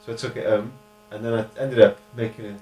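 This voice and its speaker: A man's voice: lowish voice, fairly even intonation, fast, mellow, reverberant, slight background noise. A man co-hosting a podcast, chatting casually, laughing often and reading his own rhymed poem aloud. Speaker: podcast co-host and poet. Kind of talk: casual chat and poetry reading.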